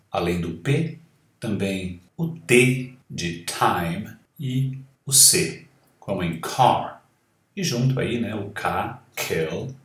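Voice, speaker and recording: A man teaching English to Portuguese speakers, explaining a text slowly and saying the English words aloud again and again. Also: lowish voice, fairly bright tone, reverberant, recorded from a distance. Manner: slow, deliberate, models English words aloud and repeats them. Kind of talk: language lesson explaining a reading.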